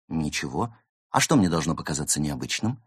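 A man voicing a naive, cheerful young female fox who gets easily excited. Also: a bass voice, fairly quick, breathy edge, no room sound, studio quality, full character voice. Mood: puzzled. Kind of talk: audiobook character voice.

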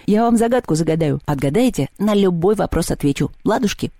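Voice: mid-range voice, lively intonation, a little fast, warm tone, dry recording, clean studio sound, natural voice. A reader voicing an old male house spirit who talks in a folksy, kindly, old-fashioned way.

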